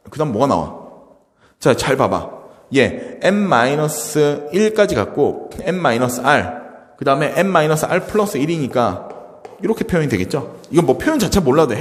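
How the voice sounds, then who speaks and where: Lively Korean math teacher, roomy echo. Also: male voice, fairly high pitch. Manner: animated, asks and answers his own questions. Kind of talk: classroom math lecture.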